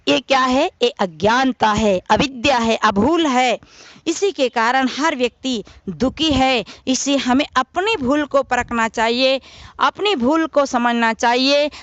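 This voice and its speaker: Brief: woman preacher, high voice, storytelling sermon, dull lo-fi sound. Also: fairly bright tone, no echo. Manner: tells a parable, acting out mourners and consoling women in quoted speech. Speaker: religious preacher.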